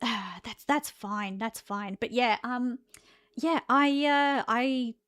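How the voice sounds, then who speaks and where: A woman in her thirties with an Australian accent, talking to her live-stream chat in a relaxed, chatty way. Her voice sits a little high for a woman. She laughs a lot and often restarts her sentences mid-thought. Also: takes it slowly. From Victoria, Australia.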